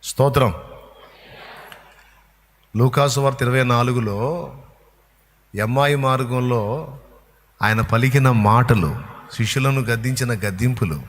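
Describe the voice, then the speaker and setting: A man's voice: mid-range voice, a little slow, pauses often. A male pastor preaching a sermon, emphatic and repetitive as he drives each point home. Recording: long hall reverb.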